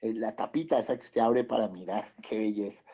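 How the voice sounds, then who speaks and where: A husky, rather low male voice, speaking a little fast with a Colombian Spanish accent, belongs to a pastor preaching in a church hall. He reads quotes from scripture aloud, then comments on them, chuckling and posing questions, all captured in a dull lo-fi church recording.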